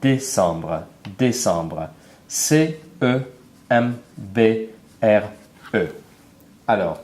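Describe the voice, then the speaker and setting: A man's voice: medium pitch, darkish tone. A man teaching a French lesson, spelling words letter by letter and repeating each one for learners.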